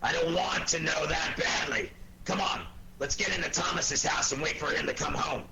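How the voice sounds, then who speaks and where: An actor playing a gruff, impatient police inspector in a 1940s radio drama, barking his lines with sardonic bluster. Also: a little high, normal speed. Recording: slightly noisy old 1940s radio recording.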